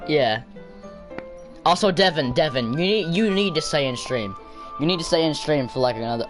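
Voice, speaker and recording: A young man streaming a visual novel, joking loudly and talking to his chat, with game music behind. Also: medium pitch. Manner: loud, joking, talks to chat. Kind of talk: casual game stream commentary. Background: background game music.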